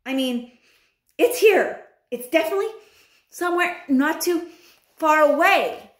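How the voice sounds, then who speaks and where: A woman's voice: high-pitched, expressive, a little slow, a bit bright, voice pushed up. A woman voicing a tall female witch who shrieks in alarm, recorded in an echoey room. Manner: shrieking, urgent.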